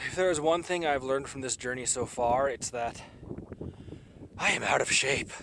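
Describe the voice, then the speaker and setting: A man's voice: mid-range voice, moderate pace. A young man vlogging from a fishing trip, talking casually and poking fun at himself into a handheld camera by a stream. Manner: self-deprecating, chatty. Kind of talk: casual outdoor vlog narration. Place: outdoors by a stream in snowy, windy weather. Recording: wind and outdoor noise behind.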